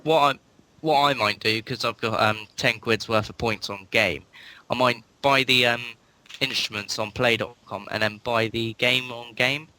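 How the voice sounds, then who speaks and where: A man's voice: medium pitch, fairly even intonation, normal speed, bright, forceful tone, low-quality recording. A man with an English accent chatting casually as a panelist on a gaming podcast. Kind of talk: casual chat.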